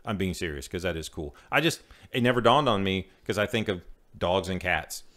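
Fairly quick and a bit bright, this middle-aged man's low voice has lively intonation. Co-hosting a casual podcast, he rambles through a biscuit recipe, joking and repeatedly apologizing.

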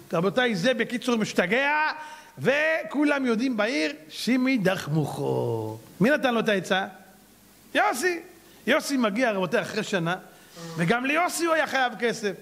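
A man, a rabbi, preaching a sermon as a lively storyteller who acts out the characters. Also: very high voice.

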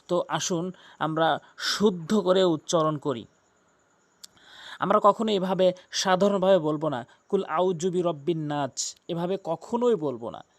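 A man teaching Quran recitation in a spoken lesson with a Bangladeshi Bengali accent. He talks emphatically and repeats each sound slowly for practice, drawing out the recited words. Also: high voice, darkish tone.

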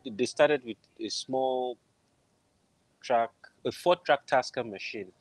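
Interviewed over a video call from his home, a middle-aged film composer with a Nigerian accent relates a personal story in a conversational style. He takes it slowly, with a medium-pitched voice and no echo in the audio.

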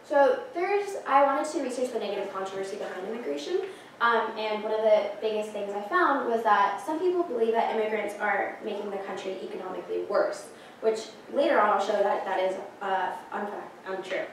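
A woman's voice: mid-range voice, animated, a little fast, slight background noise. Young woman, student presenter, from Peru, earnest, hesitant ums, very echoey classroom, distant camera. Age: late teens. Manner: earnest, with frequent ums and restarts. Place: classroom with projector screen. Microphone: far camera.

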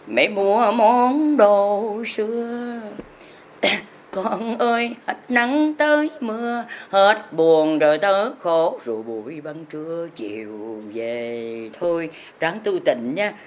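A woman religious teacher delivers her sermon as drawn-out, sing-song chanted verse, urging her listeners on. Her pitch is fairly low.

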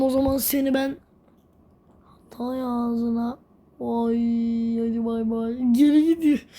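A woman's voice: on the high side, dark tone. A young woman casually commenting while she plays a mobile game, chatty, laughing often and exclaiming when things go wrong. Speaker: gameplay video host.

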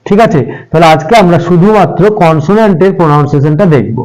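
A man with a slightly high voice walks children through letter sounds. He speaks patiently and spells out each example word letter by letter, then repeats it. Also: fast talker, a little mellow, low-quality recording. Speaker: English pronunciation teacher. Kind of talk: step-by-step spoken lesson for children.

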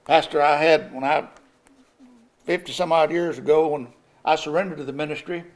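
An older male pastor with a high voice preaches a sermon at a church sanctuary pulpit, using a pulpit microphone. His tone is steady and his pace moderate, with rising emphasis and occasional chuckles, and the audio is poor.

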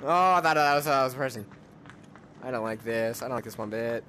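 A young man giving casual commentary while playing a game with a friend, jumpy, swinging from hushed mutters to shrieking laughter. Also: medium pitch, brisk, heavy background noise.

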